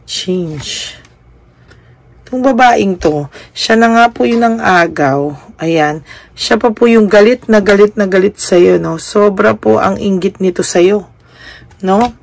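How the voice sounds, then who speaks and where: A woman with a gravelly, fry-tinged voice doing a tarot reading for her viewers. She speaks politely and keeps adding a questioning tag to each phrase. Her voice is close and dry, with no room echo. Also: mid-range voice, slow pace, long pauses. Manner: polite, adds "po" and a questioning "no?" after almost every phrase. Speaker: tarot card reader.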